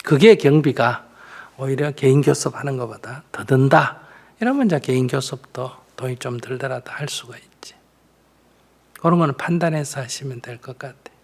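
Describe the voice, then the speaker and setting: A man's voice: medium pitch, animated, normal speed, creaky, slightly rough. An older man, a monk, giving frank, plain-spoken advice in a live question-and-answer talk, often acting out a mother's words.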